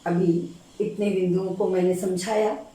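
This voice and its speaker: A woman teacher giving a grammar lesson for exam preparation, patiently repeating each word slowly so students catch the correct form. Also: on the low side, little pitch movement, mellow. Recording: very echoey room.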